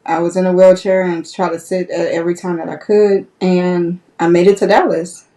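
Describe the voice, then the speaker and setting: A woman's voice: lowish voice, flat delivery, normal speed, mellow, far from the mic. A woman, a nurse guest on a podcast, telling a personal story candidly and acting out past conversations. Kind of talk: personal story told in an interview.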